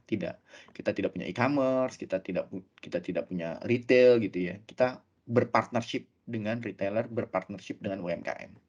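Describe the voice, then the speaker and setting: A man giving a webinar presentation as a guest speaker, chatty and animated, telling stories with many fillers. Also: medium pitch, dull audio. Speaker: guest speaker from a tech company.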